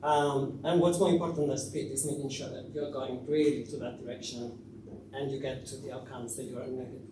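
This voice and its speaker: A man from Spain giving a conference talk, pausing often with fillers as he presents. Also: mid-range voice, fairly even intonation. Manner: hesitant, many fillers. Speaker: conference speaker. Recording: echoey hall, distant mic, noisy.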